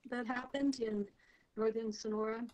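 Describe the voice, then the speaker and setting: A woman's voice: a little high, steady tone, moderate pace, a little mellow. An older woman, a club member, recommending a book on a video call in a chatty, hesitant way.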